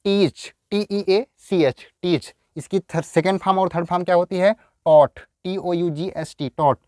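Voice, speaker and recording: A man with a Hindi accent teaching an English lesson, dictating slowly and repeating each example sentence. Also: high-pitched, fairly even intonation, darkish tone, clear, resonant tone, no room sound, studio quality.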